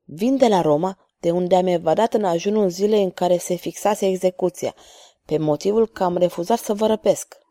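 A woman's voice: on the low side, warm tone, dry recording, clean studio sound, lightly acted. A woman voicing a bold, mocking male cavalier swordsman who speaks with courtly irony. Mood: ironic. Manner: ironic, courtly and taunting.

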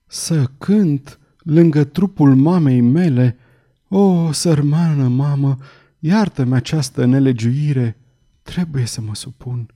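A man's voice: high-pitched, few pauses, mellow, pitched above the performer's own voice, close to an everyday voice. A man voicing a grieving young street singer girl, pleading and tearful, in a read-aloud story.

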